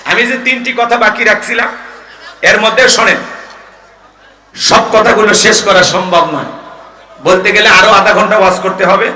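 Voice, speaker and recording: A man's voice: sits high, bright, forceful tone. A man preaching a waz sermon at a night gathering, quizzing the crowd and quoting Arabic verses, heard through a public address system. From Bangladesh. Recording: echoey outdoor PA from far off.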